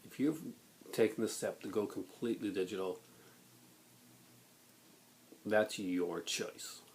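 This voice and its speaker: A man in a blunt, exasperated rant to viewers, halting and then bursting into emphasis. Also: fairly low pitch, darkish tone. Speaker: video blogger. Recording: noticeable background noise.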